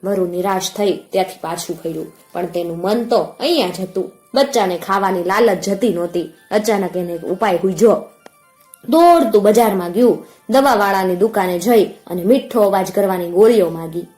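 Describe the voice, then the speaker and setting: A woman storyteller reads a folk tale aloud in a calm, expressive storybook manner. Her voice sits at an ordinary middle pitch, and soft music plays faintly beneath her. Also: normal speed. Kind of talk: storybook narration.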